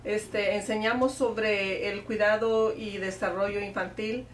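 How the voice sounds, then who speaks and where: A woman's voice: mid-range voice, fairly even intonation, normal speed. A woman guest on a local TV talk show introduces herself and admits to nerves, her words coming with small restarts. A faint hum of ambience lies under her voice. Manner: nervous, a little giggly. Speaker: bilingual outreach worker, guest.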